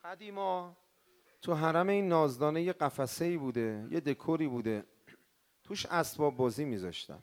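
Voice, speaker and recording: A male cleric telling a mournful story in a sermon, swinging from hushed words to crying out. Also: a little high. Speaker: cleric preacher.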